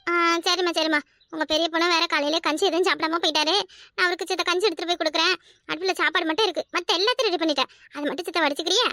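A woman voicing a motherly older village aunt in a cartoon comedy, with a Tirunelveli Tamil accent and gentle, homely instructions. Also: extremely high pitch, very fast, dry recording, clean studio sound, heavily acted. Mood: busy, kindly.

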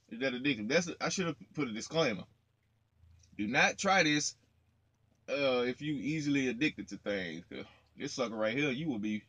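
Here a young trucker in his twenties speaks in a mid-range voice with a sharp edge, the recording dry and dull. Sitting in his small parked cab, he vlogs straight to his audience through a nearby phone camera, keeping things casual, slangy and playful.

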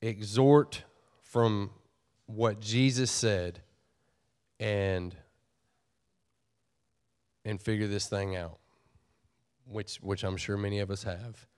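A man's voice: fairly low pitch, fairly even intonation, slow, pauses often, darkish tone, clean tone. A pastor preaching a sermon to his church, earnest and folksy, often repeating and restarting his phrases.

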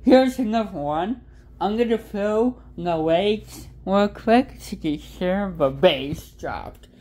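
A woman vlogging casually from her phone, exclaiming often in excitement. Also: medium pitch, slow, soft background music. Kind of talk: casual vlog talk.

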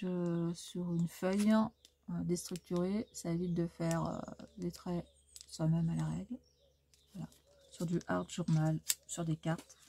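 A woman talking through a craft supply haul in a casual, hesitant way, pausing often on fillers and correcting herself. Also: mid-range voice, dark tone. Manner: hesitant, full of "euh" fillers; self-correcting as she goes. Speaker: scrapbooking vlogger. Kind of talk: casual show-and-tell haul.

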